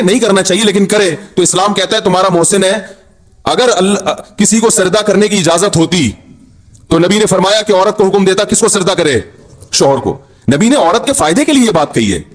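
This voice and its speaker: Guy with giving a sermon, fairly high voice, keeps firing questions at the crowd. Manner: scolding, rhetorical questions to the audience. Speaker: Islamic preacher.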